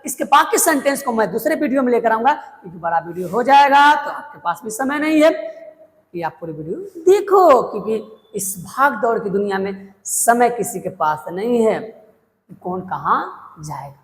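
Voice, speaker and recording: A man's voice: high voice, sing-song, normal speed, long reverb tail. A man teaching spoken English in a casual lesson, repeating each phrase as a drill and calling his viewers brother.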